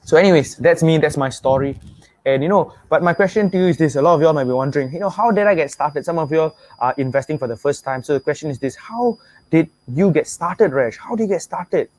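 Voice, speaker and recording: A young man from Singapore hosts an online webinar, and his fairly high, slightly mellow voice is animated and brisk. He energetically delivers a motivational pitch in Singaporean English, repeats himself, and keeps asking viewers to type in replies, all on a rough recording.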